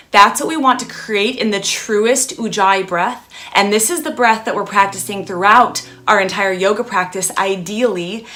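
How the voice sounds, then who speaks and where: A woman's voice: medium pitch, pushed and bright. A woman leading a casual live-stream breathing lesson as a yoga instructor, chatty and encouraging as she speaks straight to her viewers. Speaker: yoga instructor and wellness coach.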